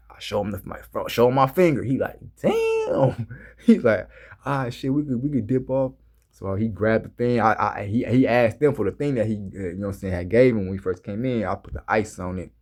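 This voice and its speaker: A man's voice: sits low, gravelly, a little mellow, husky. A young man casually telling a gym story to his viewers in a laid-back, slangy way. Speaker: fitness vlogger.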